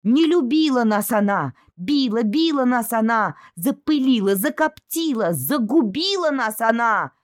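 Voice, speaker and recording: A woman's voice: on the high side, expressive, a little slow, few pauses, no echo, clean studio sound. A woman voicing a chorus of mistreated runaway dishes in a storybook, complaining about how they were treated. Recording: clear music underneath.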